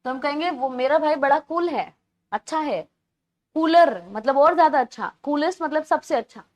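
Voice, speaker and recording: High-voiced woman teaching grammar. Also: animated, moderate pace, a little mellow. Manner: explains patiently, addresses students as beta, repeats key words. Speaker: English teacher for exam prep. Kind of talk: online classroom lecture.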